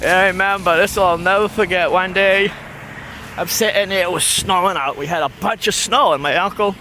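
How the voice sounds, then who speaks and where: High-voiced man rambling while walking. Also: moderate pace, bright, forceful tone, a little hiss or hum. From Massachusetts. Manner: rambling, repetitive, affectionate storytelling. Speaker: vlogger. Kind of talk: rambling personal vlog. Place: outdoors on a city street.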